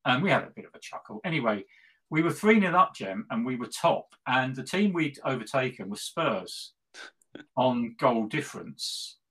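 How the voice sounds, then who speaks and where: A middle-aged West Ham supporter co-hosts a football podcast and chats gleefully with tongue-in-cheek humour, repeating himself to stress points. He sounds very animated, with a mid-range, slightly bright and slightly rough voice at normal speed, recorded in poor audio quality.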